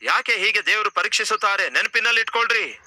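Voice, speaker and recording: High bright-voiced man preaching. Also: lively intonation, fast talker, no room sound, poor audio. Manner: dramatic, voices figures with big pitch swings. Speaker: pastor. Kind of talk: sermon and closing prayer.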